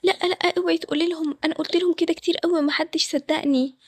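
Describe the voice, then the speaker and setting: Runaway young bride, voiced by a woman, Egyptian, high and rushed. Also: steady tone, no echo. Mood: pleading. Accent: Egyptian Arabic. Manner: fast and pleading.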